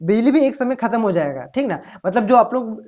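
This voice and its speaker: With lively intonation and a mellow, fairly high voice, a woman teaches an exam-prep lesson a little fast, often asking questions and answering them herself. She repeats "ठीक ना" and "प्यारे बच्चों" as she explains rhetorically, on a dull lo-fi recording.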